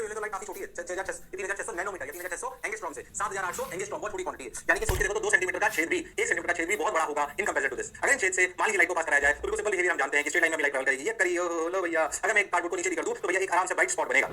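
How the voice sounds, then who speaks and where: A man gives a physics revision class at a breakneck clip, his voice sitting high in his range. He quizzes the class, then answers for them, with playful "oh ho ho" sounds between points. The tone is sharp and forceful, and he switches often between Hindi and English phrases. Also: racing, few pauses. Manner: energetic, asks questions and answers them himself, playful "oh ho ho" sounds. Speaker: physics teacher. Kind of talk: fast revision lecture.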